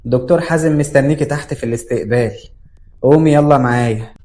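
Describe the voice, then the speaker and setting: A man's voice: medium pitch, fast, darkish tone, pitched above the performer's own voice, close to an everyday voice. A man voicing a stern, cold woman nurse in a horror story, speaking with an Egyptian accent and a harsh, commanding manner.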